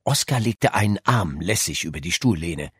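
A man narrating a children's audiobook in a lively, expressive way. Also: sits low, moderate pace, breathy edge, dry recording, clean studio sound.

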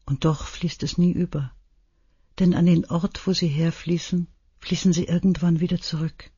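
A man's voice: a little high, breathy edge, no echo, highs cut off, heavily acted. Man doing a small, tearful older woman. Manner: soft, halting, weepy.

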